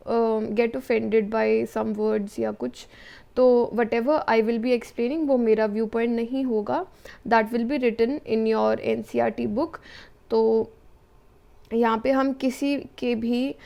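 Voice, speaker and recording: A woman's voice: fairly high pitch, gravelly, mellow. A young adult woman with an Indian accent giving a classroom lecture, explaining step by step and checking in with her students as she goes. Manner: explains step by step, mixing English phrases, frequent "ठीक है" check-ins. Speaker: teacher.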